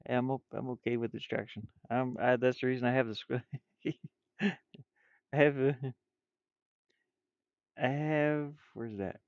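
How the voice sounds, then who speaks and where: This streamer and game developer keeps up a casual, rambling chat, partly muttered to himself, while he draws art for his game. His medium-pitched voice sounds clear and resonant, though the dry recording is muffled.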